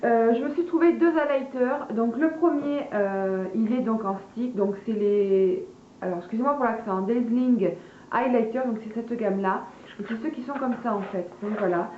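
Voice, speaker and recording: At normal speed and in a slightly high voice, a woman vlogs about beauty products she bought, chatting casually, hesitating often, filling gaps, and calling viewers "girls." She records in a room at home while a party goes on downstairs, its noise faintly audible. The sound is lo-fi and dull, with room echo.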